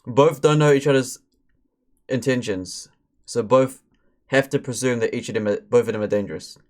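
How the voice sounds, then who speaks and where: A man's voice: mid-range voice, moderate pace, darkish tone. Laid-back man chatting on a stream. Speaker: live streamer reacting to a story. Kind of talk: casual chat.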